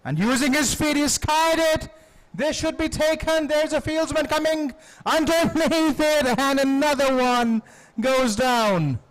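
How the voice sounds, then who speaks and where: A man doing live cricket commentary, exclaiming in amazement and excitement as the action unfolds. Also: very high voice, measured pace, rough recording. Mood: excited.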